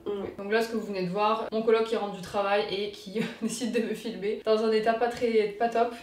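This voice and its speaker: A woman's voice: mid-range voice, steady tone, brisk, a little mellow. A woman talking casually in an informal, slangy, chatty vlog style. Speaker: vlogger. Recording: echoey room with background noise.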